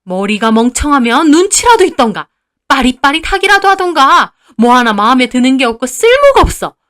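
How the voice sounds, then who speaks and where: A woman voicing a spiteful older mother-in-law who scolds and shouts. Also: high voice, sing-song, a little fast, pitched above the performer's own voice. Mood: scolding.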